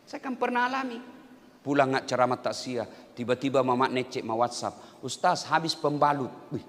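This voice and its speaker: A man's voice: mid-range voice, sing-song, normal speed. A male preacher with a Makassar-flavored Indonesian accent, giving a joking sermon, quizzing his congregation and acting out little scenes. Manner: joking, asks the audience questions, acts out scenes. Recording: reverberant hall, faint background noise.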